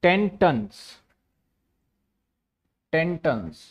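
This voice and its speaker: A man's voice: a little high, sing-song, extremely slow, muffled recording. A man teaches an online commerce class. He walks through a worked example step by step, repeating phrases and asking questions aloud before answering them himself. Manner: repetitive, asks and answers his own questions.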